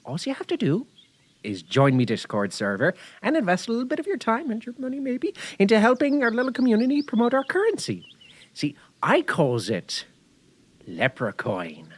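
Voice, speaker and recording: A man's voice: high-pitched, wildly swooping pitch, normal speed, slightly rough, exaggerated voice. A man voicing a scheming, boastful male leprechaun selling crypto, with a put-on Irish accent and wheedling salesman patter. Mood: salesy.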